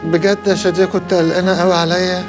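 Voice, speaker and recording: An actor playing an excitable, jealous Egyptian man who teases and flares up quickly, in a TV comedy-drama, with a music score behind. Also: high-pitched, lightly acted. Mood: mocking. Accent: Egyptian Arabic. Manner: teasing, mocking, quick to flare up. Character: excitable, jealous man just cleared of a charge. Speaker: freed defendant.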